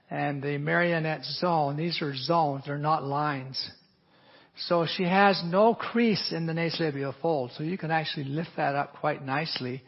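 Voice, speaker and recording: A man whose voice sits on the high side explains a treatment plan as he marks up a patient during a live teaching demonstration. He's an aesthetic physician who often hedges with "a little bit," captured in dull, lo-fi audio.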